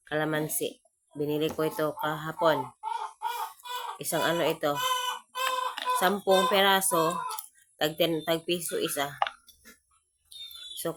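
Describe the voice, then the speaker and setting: A woman with a Visayan Filipino accent who has just woken up, chatting casually in a home vlog, groggy, hoarse and congested from a cold. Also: deep voice, a bit bright. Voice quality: stuffy nasal, congested. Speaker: vlogger. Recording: noisy home recording. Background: noisy chickens.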